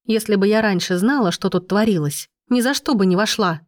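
An indignant, sharp-tongued young woman snapping back with sarcasm, as a female audiobook reader puts her on. Her lines come out higher and more heated than the narration. The sound is dry and close. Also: moderate pace, no echo, close to an everyday voice. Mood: angry. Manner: hissing, sarcastic outbursts. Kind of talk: audiobook reading.

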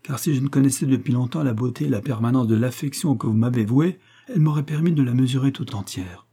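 A man reading an audiobook, voicing a gentle, dignified aristocratic lady who speaks softly and evenly. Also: medium pitch, quick pace, slightly rough. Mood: tender.

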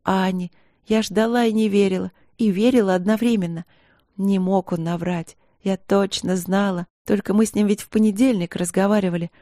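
A woman's voice: mid-range voice, steady tone, moderate pace, dark tone, no echo, studio quality, close to an everyday voice. Woman narrator playing a young queen, overjoyed, eager, pleading. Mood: joyful.

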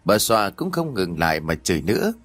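A man narrating a ghost story in a dramatic, expressive reading style, over faint background music. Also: low-pitched, normal speed.

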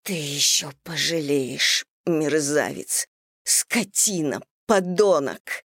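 A narrator voicing a humiliated, furious woman hurling insults, slow and low. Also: no room sound, clean studio sound, lightly acted. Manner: slow, low, spitting curses.

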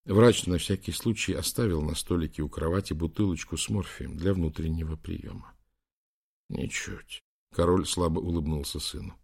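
A male audiobook narrator with a very deep, gravelly voice. He reads in a measured, steady storytelling manner. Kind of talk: scripted narration.

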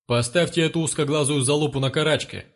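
A man reading aloud, voicing a big, brutal one-eyed male gang leader who swears coarsely and shouts his threats. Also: fairly high pitch, steady tone, fast talker. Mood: furious.

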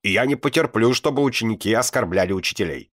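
A man's voice: on the low side, lively intonation, fast talker, fairly bright tone, no room sound, pitched above the performer's own voice. Man doing a pompous old headmaster, droning, dry mic. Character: pompous older male school director. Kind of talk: audiobook reading.

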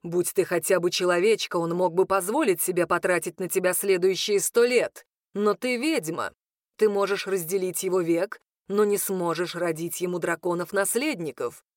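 A woman voicing a stern, commanding male lord in an audiobook, in a harsh lowered voice. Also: measured pace, a little mellow, no room sound, clean studio sound, lightly acted. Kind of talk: audiobook character reading.

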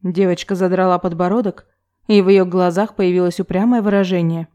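Woman narrating a novel, mellow. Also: fairly low pitch, fairly even intonation, brisk. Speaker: audiobook narrator.

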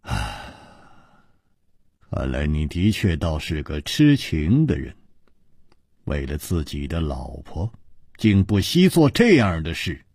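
A man voicing a calm, wry male swordsman hero who speaks in a slow, amused drawl. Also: a bass voice, slightly rough, dry recording, clean studio sound, pitched below the performer's own voice, full character voice.

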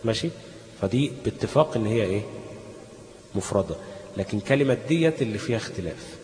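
A lower-voiced man with an Egyptian Arabic accent teaching Quranic readings. He quizzes the class, answers his own questions and chants verses slowly. He is recorded in a large hall with long reverb and a faint hum of room noise. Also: expressive, darkish tone. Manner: asks the class questions and answers them himself, says "ماشي؟" often.

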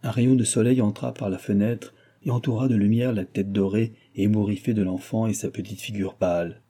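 Dark husky male audiobook narrator. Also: fairly quick. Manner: dramatic, expressive reading with big swings in pitch and loudness.

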